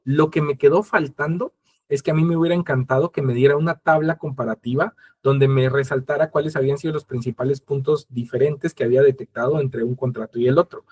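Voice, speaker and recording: This webinar presenter's medium-pitched voice is husky and slightly rough yet a little mellow, with fairly even intonation and a brisk clip. Addressing viewers directly, he explains every step of his instructional talk and illustrates it with quoted dialogue.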